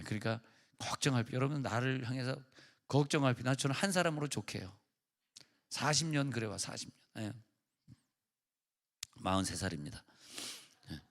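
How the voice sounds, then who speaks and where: Male pastor, sermon at a church prayer service, easygoing storytelling delivery, mid-pitched voice. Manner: conversational preaching with anecdotes and acted quotes.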